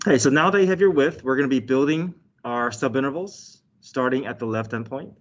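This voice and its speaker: A man's voice: mid-range voice, a little fast. A man teaching a step-by-step math lesson as a teacher, explaining and often checking in with short tag questions. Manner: explanatory, checks in with "okay" and "right". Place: indoors, desk with document camera. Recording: dull, slightly muffled online lesson audio.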